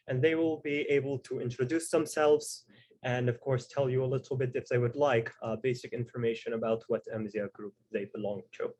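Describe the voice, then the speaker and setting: A man hosting a video call discussion, explaining at a measured pace with frequent fillers. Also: medium pitch, a little mellow. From Tuareg heritage. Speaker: host and moderator.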